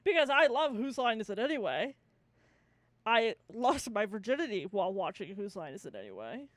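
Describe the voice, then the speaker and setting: A woman hosting a podcast chats casually, spinning animated stories while laughing often and swearing freely. Her voice is medium-pitched at a moderate pace, with no echo.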